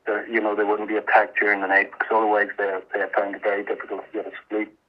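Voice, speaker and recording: A man giving an earnest, halting, emotional personal account as a guest in a radio interview. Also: lowish voice, completely flat delivery. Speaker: interview guest, activist volunteer. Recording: muffled, band-limited radio interview sound.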